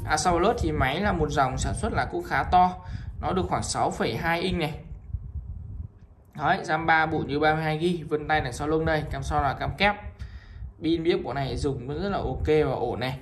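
Northern Vietnamese man giving a sales pitch. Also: moderate pace, slight background noise. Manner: repetitive, item-by-item selling with frequent appeals to viewers. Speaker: phone shop seller. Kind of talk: informal sales pitch, showing products one by one.

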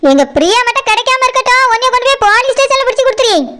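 A voice actor playing a fierce village aunt who rapidly scolds and accuses a girl, with a Tirunelveli Tamil accent, in a high cartoon voice. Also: big pitch swings, background noise. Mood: angry. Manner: fast, sharp accusing scolding. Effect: high sped-up cartoon voice.

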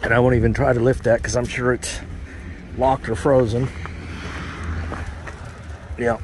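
A man's voice: mid-range voice, measured pace. A man strolls an outdoor auction lot, chatting loosely about each machine with plenty of ums and asides. His voice sits in a middling register, and a little wind hiss from outdoors comes through the camera mic. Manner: relaxed, rambling, uses fillers. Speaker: farm equipment vlogger. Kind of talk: casual walk-around commentary.

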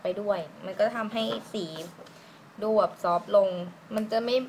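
A woman doing a casual lipstick swatch review, chatty and giggly, musing aloud with drawn-out fillers. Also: mid-range voice, steady tone, darkish tone. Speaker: beauty vlogger. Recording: noisy room ambience.

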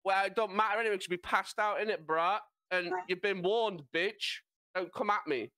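A swaggering young London street tough with a British accent, put on by a man. The voice is pushed higher than his own and lands every line with brash, teasing attitude. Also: moderate pace, pushed and bright, clear, resonant tone. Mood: cocky. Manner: cocky slang-heavy teasing.

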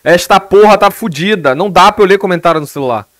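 This young Brazilian streamer talks fast in a high-pitched, fairly bright voice, with studio quality and no echo. In a Brazilian Portuguese accent, he animatedly rants through a story into his headset, swearing constantly.

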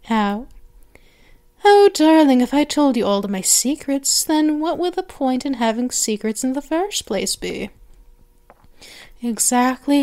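A woman performs an intimate ASMR roleplay as a doting, teasing, possessive vampire mistress, cooing slowly with drawn-out words and occasional whispered phrases. Her voice sits high with a darkish tone.

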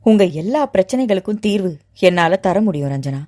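A woman voicing a calm, steady grown man. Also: mid-range voice, lightly acted. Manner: steady, unhurried and measured. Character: calm, composed grown man asking to be guardian.

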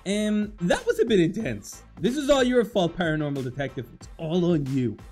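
A man giving excited, dramatic, self-mocking commentary while playing a video game. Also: sits high, normal speed, faint music behind. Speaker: gaming YouTuber.

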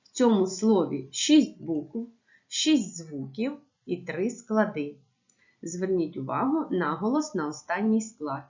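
A woman teacher giving a remote lesson to young pupils, with clear, measured instructions. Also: lowish voice, sing-song, a little mellow, dull audio. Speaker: primary school teacher.

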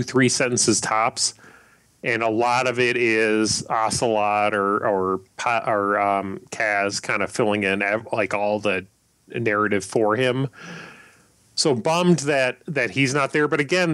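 A man hosting a casual podcast chat, rambling and halting with lots of fillers and restarts. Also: medium pitch, fairly even intonation, a bit bright, clean tone, no room sound. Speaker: podcast host.

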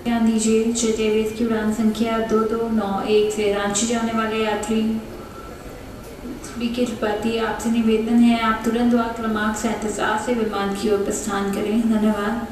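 A woman's voice: on the high side, flat delivery, moderate pace. A woman makes a formal airport announcement, paging passengers over a public address system. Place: large indoor airport departure hall, over loudspeakers. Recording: echoey terminal PA, distant, noisy. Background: terminal ambience noise.

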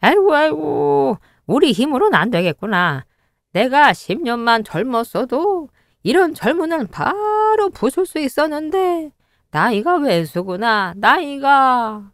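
A woman's voice: high voice, big pitch swings, measured pace, no echo, clean studio sound, pitched above the performer's own voice, exaggerated voice. A woman voicing two bickering old male hermits in a cartoon story, huffy and drawn out.

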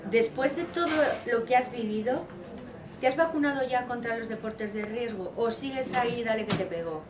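Soft-spoken woman interviewer, distant. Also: fairly high pitch, normal speed. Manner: brief prompts and backchannels. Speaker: interviewer host. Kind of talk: stage interview. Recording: echoey hall, distant mic, audible noise.

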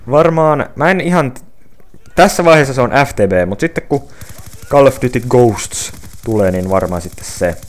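Young male gaming creator, halting casual delivery, mid pitch. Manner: hesitant, many fillers and restarts. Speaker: gaming channel creator answering viewer questions. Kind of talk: casual Q&A reading questions aloud. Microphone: reading from a phone.

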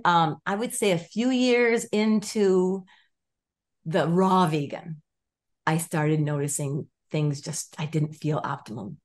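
A video-call guest in her fifties, speaking at medium pitch, recounts her story in relaxed interview conversation from a home room with a stone wall. Lively and gesturing, she keeps restarting sentences and voicing quotes.

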